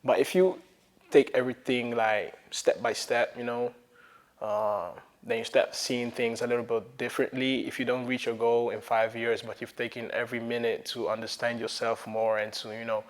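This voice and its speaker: Young guy from nigeria raised in italy, chill rambling interview talk, pretty flat tone, lots of "you know". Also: mid-range voice, normal speed. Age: young adult. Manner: relaxed, rambling, many fillers and "you know". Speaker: interview guest, sneaker developer.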